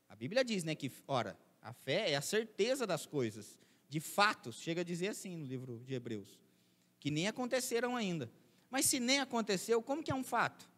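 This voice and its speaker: High-voiced preacher in a reverberant hall. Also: male voice, a bit bright. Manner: conversational preaching with rhetorical questions. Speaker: pastor. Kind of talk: sermon. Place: church hall.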